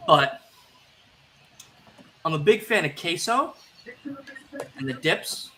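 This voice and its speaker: A man's voice: on the high side, animated, drawn-out words. A man co-hosting a podcast, rambling casually with lots of fillers and restarts, self-deprecating. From Italian family background. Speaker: podcast co-host. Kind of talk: casual chat. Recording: streamed podcast with faint background noise.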